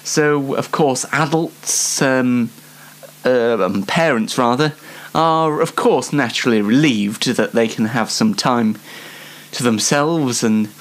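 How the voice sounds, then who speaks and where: In a low-quality recording, a twenty-year-old YouTube host delivers a chatty comic monologue, rambling, poking fun at himself, and hamming it up. He speaks slowly at a medium pitch.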